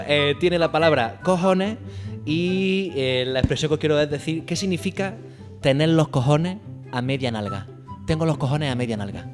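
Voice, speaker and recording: Male radio host, higher pitch, playful and giggly, music bed behind. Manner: jokey, laughs often, stretches words. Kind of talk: playful quiz-style chat.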